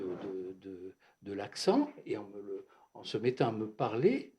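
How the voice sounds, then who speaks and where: Older man, mellow and lively storyteller. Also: mid-range voice. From Algeria. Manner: halting, reflective storyteller who often repeats words. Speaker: psychoanalyst, guest speaker. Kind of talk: reminiscing talk at a bookshop event.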